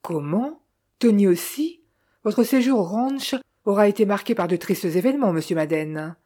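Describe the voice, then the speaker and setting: Fields: Figure: woman reading as an elderly lady doctor. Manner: courteous, measured. Tone: mellow. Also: mid-range voice, lively intonation, close to an everyday voice. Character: elderly woman doctor, kind but insistent.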